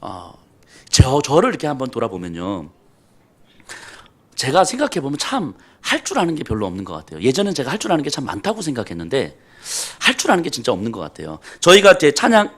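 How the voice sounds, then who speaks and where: A man's voice: mid-range voice, huge pitch swings, quick pace, fairly bright tone. A man pastor preaching a sermon, telling self-deprecating stories with humor.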